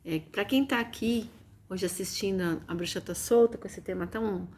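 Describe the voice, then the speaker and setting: A woman's voice: mid-range voice, moderate pace, darkish tone. A woman with a Brazilian Portuguese accent hosting a casual spiritual live stream from home, chatty and often turning to her viewers. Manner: chatty, keeps addressing viewers with "gente" and "né". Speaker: live-stream host and reiki teacher.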